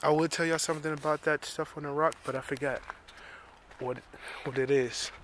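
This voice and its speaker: A winded man with a Pittsburgh accent talks loosely to his viewers as he hikes through a park, filling his sentences with "like" and "you know". His voice sits a bit high and sounds bright and sharp, with faint outdoor sound behind him. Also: steady tone, moderate pace, a little hiss or hum. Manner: rambling, lots of "like" and "you know". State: out of breath. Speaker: vlogger. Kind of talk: casual walking vlog.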